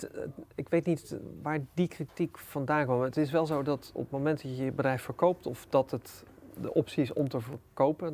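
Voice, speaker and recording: A middle-aged man, an entrepreneur being interviewed, telling anecdotes in a relaxed, animated way with plenty of fillers. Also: medium pitch, creaky. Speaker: entrepreneur guest. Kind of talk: casual storytelling interview.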